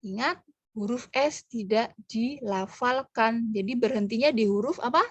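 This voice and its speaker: A woman's voice: a little high, unhurried, breathy edge, no echo. A woman teaching French pronunciation in an online lesson, patiently breaking words into syllables.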